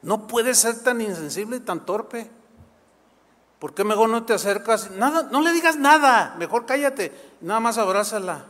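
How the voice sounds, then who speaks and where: A man preaches in a high, bright-pitched voice, lively and chatty, tossing off quick asides to the congregation. His words ring out with a long reverb from the church hall around him. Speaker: pastor. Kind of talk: sermon. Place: church sanctuary.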